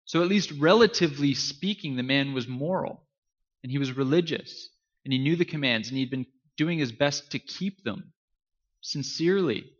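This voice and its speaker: A man preaching a sermon as pastor, earnest and emphatic, with dramatic pauses. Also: medium pitch, muffled recording.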